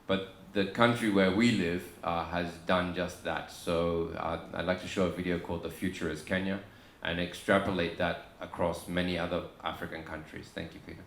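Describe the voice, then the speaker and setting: A man with an Australian accent speaking on a conference panel, relaxed and halting with many ums and restarts. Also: low voice, a little hiss or hum. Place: conference room. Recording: echoey conference room with faint ambience.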